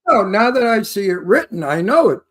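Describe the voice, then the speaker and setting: A man's voice: high voice, sing-song, a little fast, a loud crowd. A man with a Brooklyn, New York accent chatting casually as a co-host, blunt and brash, using crude street slang. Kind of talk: casual chat.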